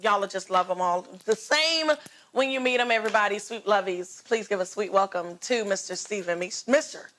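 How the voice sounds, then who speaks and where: A woman's voice: mid-range voice, fairly quick, noisy background. A woman hosting a talk show, effusive and affectionate, laughing often with her guest. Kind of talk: bubbly talk show banter.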